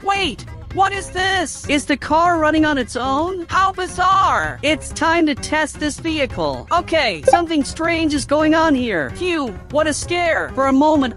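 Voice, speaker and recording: Gaming channel narrator, high voice, scripted delivery, faint music bed. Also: a bit bright. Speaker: gaming video host. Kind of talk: scripted Roblox video narration.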